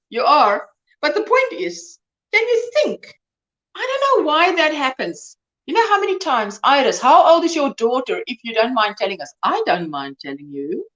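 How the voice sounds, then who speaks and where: A woman in her early fifties hosts a live crochet chat, chatting casually with viewers and answering their comments as they arrive. Her voice sits a little high and swoops in very lively pitch. She laughs easily between remarks. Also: normal speed, highs cut off. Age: 50s.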